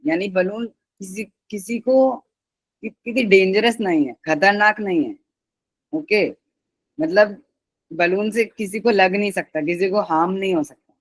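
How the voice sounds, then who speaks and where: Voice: medium pitch, fairly bright tone, dry recording, low-quality recording. Patient teacher repeating key words. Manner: patient, repetitive, explains each word with synonyms; mixes in English words. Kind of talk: live online class explanation.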